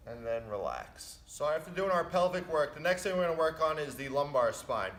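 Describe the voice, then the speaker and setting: Careful, unhurried male instructor, echoey room. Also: on the high side, a bit bright. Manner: careful, unhurried step-by-step delivery. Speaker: fitness instructor leading a class. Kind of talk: instructional demonstration.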